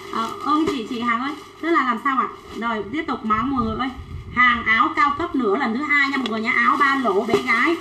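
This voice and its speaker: A woman selling children's clothes on a livestream, chatting quickly and reading out sizes and buyers' names. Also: a little high, bright, forceful tone, roomy sound, a little hiss or hum, low-quality recording. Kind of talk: fast livestream sales pitch.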